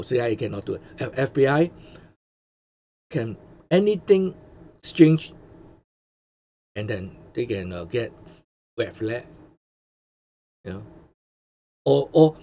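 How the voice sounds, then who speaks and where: Hosting his channel's casual commentary livestream in English, this Hong Kong man, a Cantonese speaker with a Hong Kong accent, has a slightly high, warm voice. His talk wanders with frequent fillers, restarts and chuckles, and the sound is dull and lo-fi with faint noise.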